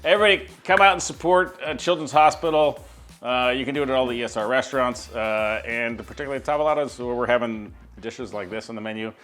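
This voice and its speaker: Speaking fast in a medium-pitched, fairly bright voice, this chef guides viewers through a laid-back cooking demo in his kitchen. He narrates step by step in an easygoing manner, often using filler sounds.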